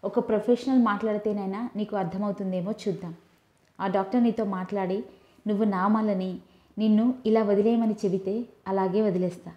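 A woman voicing a brisk, teasing young woman who scolds her heartbroken friend in an audiobook. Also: mid-range voice, steady tone, highs cut off, lightly acted. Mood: bossy. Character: young woman, bossy and caring best friend. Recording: roomy echo.

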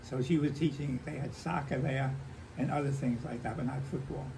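An American man in his nineties, an old veteran remembering the past in halting, conversational stories, repeating himself and acting out remembered dialogue. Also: medium pitch, steady tone, creaky, darkish tone. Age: 90s. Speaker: war veteran interviewee. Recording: noisy handheld home recording.

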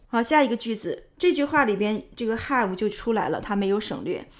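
A woman with a fairly high voice teaches English in Mandarin, breaking each sentence into parts and walking through grammar and sound changes. She pauses on filler sounds and moves on patiently, step by step. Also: expressive.

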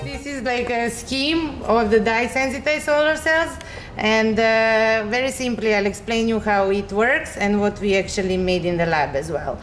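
A young Serbian woman, a recent graduate and chemistry researcher, gives an informal science presentation in a Serbian accent, explaining simply and a little hesitantly. Her slightly high voice moves at a moderate pace in an echoey room with faint noise and faint background music.

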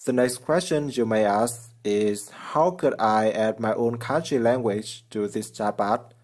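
Soft music plays behind a man with a lowish, slightly mellow voice who narrates at a measured pace over his screen recording. As a programming tutorial host, he explains each step plainly in simple non-native phrasing.

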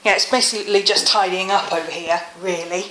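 With a mid-range voice, fairly even intonation and a fairly quick, pushed, bright delivery, a British woman in her thirties chats casually for her home vlog. A cold leaves her slightly wheezy. She films indoors on a handheld phone or camera in an echoey room with some noise and clicks.

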